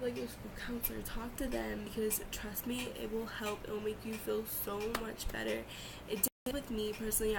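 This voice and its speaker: Young female vlogger, slightly high voice with heavy fry, halting casual chat, loud fans in the bedroom. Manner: informal, halting, repeats words for emphasis. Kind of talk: casual confessional vlog chat. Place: bedroom at home. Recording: loud fan noise in room. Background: two loud fans running.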